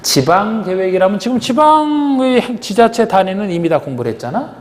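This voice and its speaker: A man's voice: high-pitched, very animated, brisk. A man teaching a class, lecturing in a coaxing way and asking his students question after question. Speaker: real estate agent exam instructor. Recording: echoey lecture hall with faint noise.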